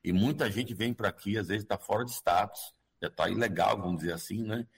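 A man's voice: on the low side, a little fast, vocal fry, slightly rough. A man with a Brazilian Portuguese accent explaining things as a guest expert in an interview, often checking for agreement in a conversational way.

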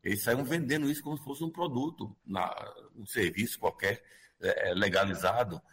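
A man's voice: mid-range voice, brisk, fairly bright tone. A man with a Brazilian Portuguese accent explaining things as a guest expert in an interview, often checking for agreement in a conversational way.

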